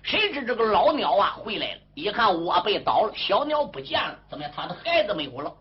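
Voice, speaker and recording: Brief: woman folk storyteller, animated spoken and sung narration, wide-ranging pitch, loud drums and strings, dull lo-fi recording. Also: slightly rough. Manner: animated, rhythmic, sings long drawn-out phrases. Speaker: storyteller and singer.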